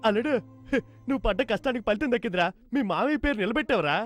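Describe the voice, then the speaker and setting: Comic uncle type, loud teasing mocker, sing-song lines, very quick talker. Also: male voice, very high-pitched, animated, no room sound, faint music behind. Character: cheeky loud-mouthed man, teasing his sister. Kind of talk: dubbed Telugu film comedy.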